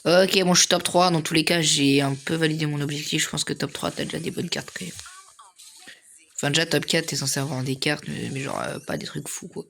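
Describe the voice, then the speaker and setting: A young man giving casual, slangy commentary over his own gameplay, excitable and laughing often. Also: on the high side, fairly quick, vocal fry, slight background noise. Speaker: gaming video creator.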